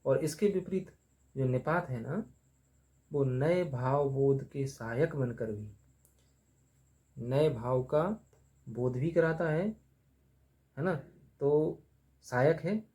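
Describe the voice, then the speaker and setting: A man teaching a grammar lesson, who asks and answers his own questions and repeats each term slowly while writing on the board. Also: medium pitch, warm tone.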